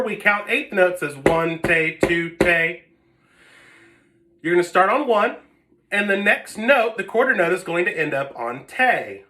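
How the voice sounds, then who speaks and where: Seated at home by a whiteboard, a man teaches strings online through a phone camera. His high voice is bright and forceful, yet he stays patient, frequently checking in with a repeated "okay?"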